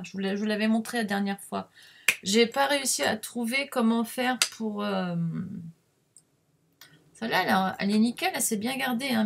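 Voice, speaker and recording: Gravelly, slow-talking French woman crafter. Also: on the high side, slight background noise. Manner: chatty, self-deprecating, jokey, many fillers like "hein". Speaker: craft video host. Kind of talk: casual crafting tutorial talk. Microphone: webcam mic at the desk.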